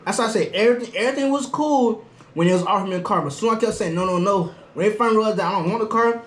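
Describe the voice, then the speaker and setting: A man telling a casual story in an animated way, repeating phrases and quoting back conversations. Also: high voice, racing. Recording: roomy echo, faint background noise.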